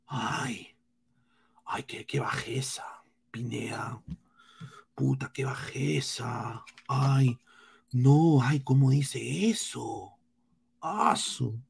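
A man putting on the voice of a whiny, scandalized male critic, soft and drawn out. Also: mid-range voice, extremely slow, gravelly, long pauses, breathy edge, full character voice. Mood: mock outrage.

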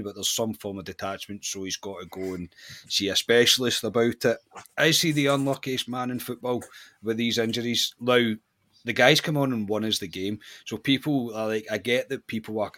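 A Scottish man co-hosting a casual football podcast, talking in a thoughtful, measured way. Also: mid-range voice, a bit bright, no echo. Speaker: podcast co-host.

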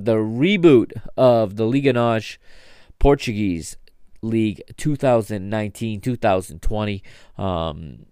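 A man hosts a solo sports podcast in a clean, smooth voice. His pitch sits in the middle of the male range, and the sound is dry and close, with little room to it. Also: darkish tone, dry recording. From United States. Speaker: podcast host.

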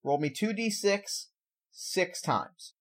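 Male podcast co-host, slightly high voice, playful, casual, explanatory gaming talk. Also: expressive, takes it slowly, a little hiss or hum. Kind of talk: casual chat, explaining game rules.

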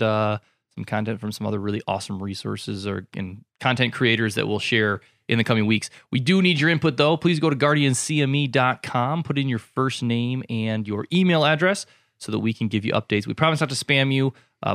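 A man's voice: mid-range voice, creaky, fairly bright tone, no room sound, clean studio sound. A man who is an emergency physician hosting a casual medical podcast, upbeat and jokey.

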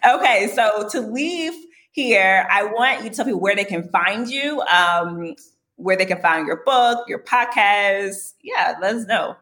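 A woman hosting a casual podcast interview, animated and laughing often, with many fillers. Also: medium pitch, measured pace. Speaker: podcast host.

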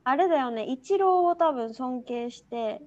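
A woman's voice: high-pitched, expressive, normal speed, darkish tone. A young woman co-hosting a podcast in casual chat, telling stories animatedly and laughing often. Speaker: podcast co-host. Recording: dull lo-fi sound.

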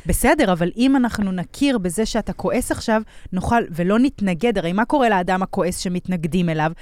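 A woman with a mid-pitched voice talks reflectively as a podcast co-host, often pausing on fillers. The recording is close and dry. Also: darkish tone, no room sound. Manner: reflective, uses many fillers. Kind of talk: casual chat.

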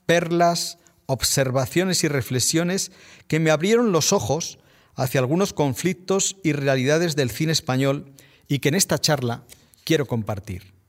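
A man with a Spanish accent hosting a podcast, reading a scripted narration in a measured, reflective way. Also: fairly high pitch. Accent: Spain Spanish. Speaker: podcast host.

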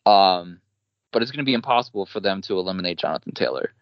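A man's voice: low voice, expressive, fast, no echo. A man with a New Jersey accent, a podcast guest giving confident, talkative football betting opinions. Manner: confident, talkative, many fillers. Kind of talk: casual sports betting chat. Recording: dull lo-fi dry sound.

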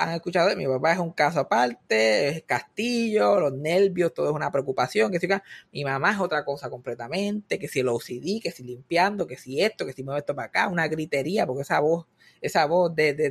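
Puerto Rican male host, casual comic storyteller, slightly raised pitch. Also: gravelly, breathy edge. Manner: animated comic storytelling, mixing in English words. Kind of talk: casual chat.

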